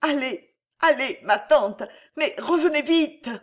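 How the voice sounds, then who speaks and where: A woman's voice: high-pitched, lively intonation, slow pace, pitched above the performer's own voice. Woman doing a panicky young woman. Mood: pleading panicked. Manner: pleading, breathless, panicky. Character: frightened young woman in love. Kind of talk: audiobook character voice.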